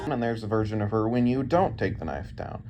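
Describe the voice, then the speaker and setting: A man's voice: on the low side, animated, fairly quick, over music. A man hosting a video, giving casual scripted ranking commentary. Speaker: video host.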